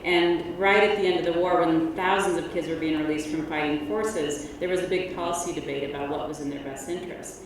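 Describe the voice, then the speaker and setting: A middle-aged female researcher gives an academic keynote in a large conference hall, speaking loudly yet measured in a low voice, with frequent ums. She is positioned far from the microphone, so the recording is distant, with long echo and constant background noise.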